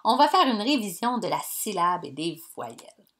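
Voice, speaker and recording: A woman, teaching young pupils in a slow, clear, encouraging way. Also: medium pitch, sing-song, fairly bright tone. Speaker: primary school teacher. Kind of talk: recorded lesson for young pupils.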